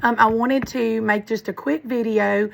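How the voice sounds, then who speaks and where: Gravelly woman teacher explaining phonics. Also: a little high, steady tone, slight background noise, rough recording. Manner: friendly, methodical, sounds words out slowly. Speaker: first grade teacher. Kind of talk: explaining phonics lesson to parents.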